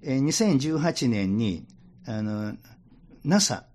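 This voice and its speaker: A man with a Kansai accent telling stories in relaxed conversation, musing slowly with many fillers. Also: mid-range voice. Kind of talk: conversational talk.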